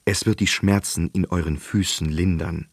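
A man's voice: deep voice, steady tone, normal speed, no room sound. A man voicing a nervous, fussy old wizard who soothes and explains. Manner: anxious, reassuring, explanatory.

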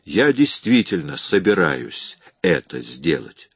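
A hard, impatient young burglar who fires off curt, pressing questions, read by a man. His voice is very deep and sits in a dry, close recording. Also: sing-song, slow, husky, no room sound, exaggerated voice. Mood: determined. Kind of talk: audiobook reading.

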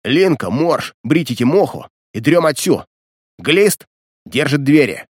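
A man's voice: on the high side, very animated, measured pace, breathy edge, no room sound, exaggerated voice. Guy doing a punk gang boss, blunt slangy talk, dry close sound.

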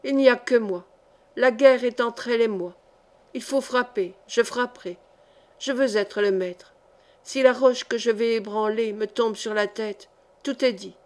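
Reading an audiobook in a fairly high, somewhat slow voice close to her everyday tone, a woman takes on the part of a proud, feverish male brigand chief. She delivers his lines in fierce, broken, vehement bursts.

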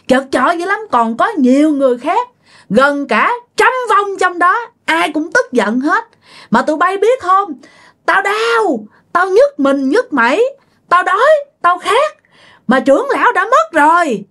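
A woman voicing an angry vengeful old male spirit, with a hoarse raspy voice that sounds aggrieved and threatening. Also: sing-song, measured pace, sharp tone, exaggerated voice. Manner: threatening, demanding, high-pitched.

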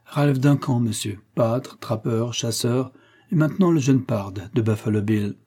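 Un homme faisant un jeune trappeur fier. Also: male voice, medium pitch, a little slow, warm tone, close to an everyday voice. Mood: proud. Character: proud young frontier lad.

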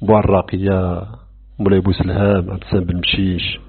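A religious teacher gives an animated lecture on creed, firing off rhetorical questions and acting out dialogues. His voice is low-pitched and slightly rough, he talks fast, and the recording is narrow and lo-fi, like a phone line.

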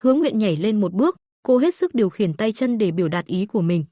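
A woman's voice: mid-range voice, fast talker, no room sound. Woman reading a novel, dry close sound. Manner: steady storytelling delivery. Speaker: audiobook narrator. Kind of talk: reading a web novel aloud.

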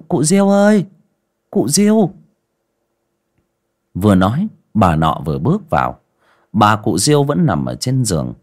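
A man narrating a dramatic audio story in an expressive reading style. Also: lowish voice, husky.

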